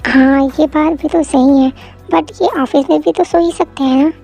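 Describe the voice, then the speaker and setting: A woman's voice: sits high, fairly even intonation, moderate pace, vocal fry, mellow, faint music behind. A woman voicing a clingy teasing young wife. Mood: whiny teasing. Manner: whiny, pleading, teasing. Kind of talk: Hindi fan audio drama.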